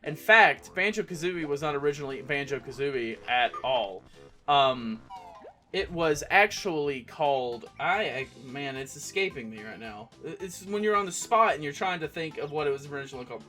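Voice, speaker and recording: A woman with a low, somewhat bright voice hosts a let's play, chatting animatedly at a moderate pace about the game and laughing at herself. Faint game music plays in the background.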